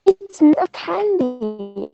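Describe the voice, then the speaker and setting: Woman playing Gretel, high-voiced naive little girl. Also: very animated, slow pace, gravelly, lo-fi sound, over music, heavily acted. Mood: naive wonder. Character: naive, anxious little fairy-tale girl. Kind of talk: comic children's fairy-tale play.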